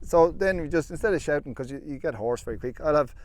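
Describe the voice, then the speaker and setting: A man's voice: fairly high pitch, lively intonation, quick pace, darkish tone. An Irish man who farms sheep, explaining his dog work casually with wry, colloquial storytelling out in open fields. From Ireland. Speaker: sheep farmer and sheepdog handler. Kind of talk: casual explanation while working dogs. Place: outdoors in open hill fields. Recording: outdoor recording with clear background noise.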